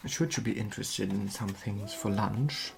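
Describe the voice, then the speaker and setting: A performer in an ASMR role-play as a genteel period society lady, gossiping softly and confidingly at a tea parlour. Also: deep voice, a little slow, vocal fry, over music, exaggerated voice. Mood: polite, attentive. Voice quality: soft-spoken.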